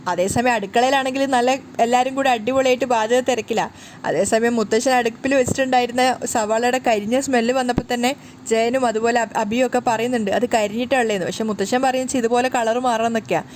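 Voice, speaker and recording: A woman's voice: fairly high pitch, a little mellow, a little hiss or hum. Chatty woman retelling a serial episode. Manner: chatty, running retelling with small self-corrections. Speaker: serial recap narrator. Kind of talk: casual storytelling recap of a TV serial episode.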